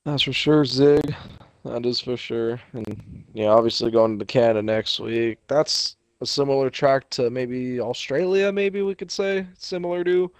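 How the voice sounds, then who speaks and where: A mid-pitched man hosts a racing stream in a loose, jokey way, casually swearing as he signs off. His voice is dry and close to the mic. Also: measured pace, no room sound. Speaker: esports racing commentator, host. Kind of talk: casual broadcast commentary.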